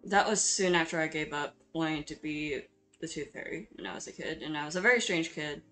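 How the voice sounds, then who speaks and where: A woman with a slightly low, somewhat bright voice narrates her drawing speedpaint video, talking fairly quickly in a chatty, informal way. She comes across as hesitant and self-deprecating, often apologizing, with background music playing behind her.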